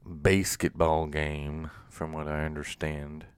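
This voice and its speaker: A man hosting a casual podcast, chatty and relaxed, laughing easily as he talks with his co-host on a close mic. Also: rumbling low, slow, smooth, no echo.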